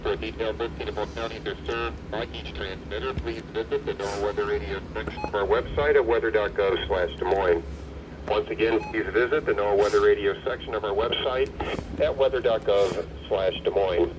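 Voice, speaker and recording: A synthetic male voice reading an automated weather radio emergency test in an even, measured way, played through a speaker. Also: lowish voice. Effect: weather radio broadcast played through a speaker. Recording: distant speaker with loud background noise.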